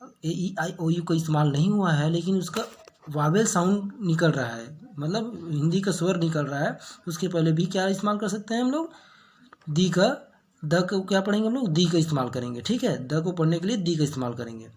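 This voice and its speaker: A male teacher giving a grammar lesson, slowly explaining and answering his own rhetorical questions. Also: fairly high pitch, a little mellow, a little hiss or hum. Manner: asks rhetorical questions then answers, checks with "okay"; slow, deliberate explaining. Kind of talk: classroom-style grammar lesson.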